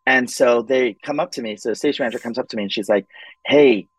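A man telling his own story as a podcast guest in a casual, animated way, acting out quoted voices and often saying "like" and "um". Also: mid-range voice, quick pace, no echo, rough recording.

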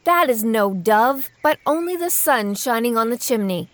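A man's voice: very high voice, expressive, normal speed, a bit bright, dry recording, voice pushed up. A man voicing a stern, dismissive mother in a storybook reading. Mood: cold. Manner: curt, dismissive.

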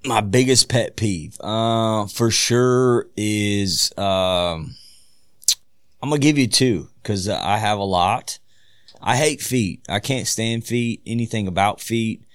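A man, a pastor co-hosting a casual podcast, who talks in a relaxed way and laughs easily. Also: fairly low pitch, slow, clean tone, dry recording, clean studio sound.

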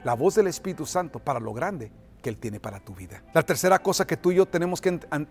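A man preaching a sermon as pastor, emphatic, often asking the congregation to repeat his words and building to loud, forceful peaks. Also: fairly high pitch. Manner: rises to loud, forceful delivery at climaxes.

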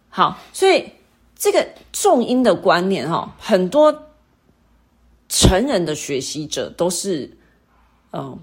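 A middle-aged woman hosting a lesson, explaining English word stress to listeners patiently and repeating each example word slowly. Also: low voice, slightly rough. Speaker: English teacher and podcast host.

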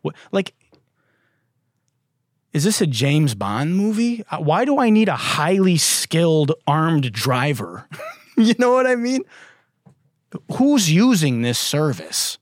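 A man hosts a comedy podcast in a sarcastic, profane rant, breaking into laughter often. His pitch swings widely as he jokes. The sound is dry and close. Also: sing-song, slow, long pauses, no echo. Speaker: podcast host. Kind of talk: comedic talk monologue.

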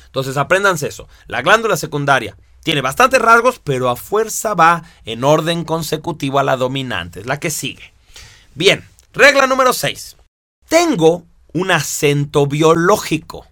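A man's voice: on the high side, sharp tone, dry recording, studio quality. A man teaching a lesson, walking through examples and often checking in with "¿sí?". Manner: explains with examples, asks "¿sí?" often. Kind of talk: explanatory lecture.

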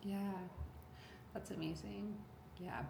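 A woman interviewing a guest, speaking softly and encouragingly as she asks questions. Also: mid-range voice, steady tone, slow pace, vocal fry. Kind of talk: conversational interview. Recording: echoey room with noticeable background noise.

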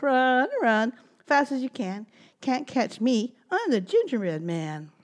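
A woman voicing a boastful little gingerbread boy who taunts in a high, sing-song voice. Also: sing-song, moderate pace.

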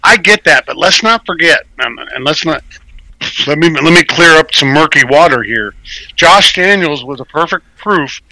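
A man's voice: fairly high pitch, animated, normal speed, bright, forceful tone, dry recording, poor audio. An older man hosting a casual sports talk radio show, rambling in a folksy way and leaning on old sayings.

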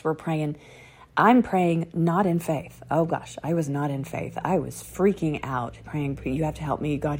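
A middle-aged woman telling a personal faith testimony outdoors on a dark autumn morning, earnest and repeating key phrases for emphasis. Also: sits low, creaky, slightly rough.

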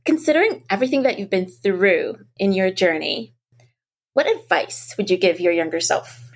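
A woman's voice: medium pitch, animated, moderate pace, slightly rough. A woman hosting an interview podcast, asking questions and affirming her guest with "right" and "love it". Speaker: podcast host. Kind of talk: casual interview.

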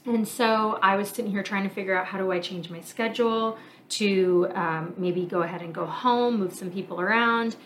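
A woman's voice: medium pitch, moderate pace, a bit bright, a little hiss or hum. Candid woman musing aloud on a podcast. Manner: candid, reflective, thinking aloud with fillers. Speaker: podcast host, marriage coach and therapist. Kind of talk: casual personal monologue.

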